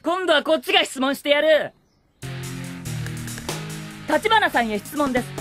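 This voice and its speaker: A voice actor playing a teasing teenage schoolboy in an anime drama CD, mocking and playful. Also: male voice, very high voice, animated, normal speed, over music. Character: teasing teen schoolboy, gleeful troublemaker.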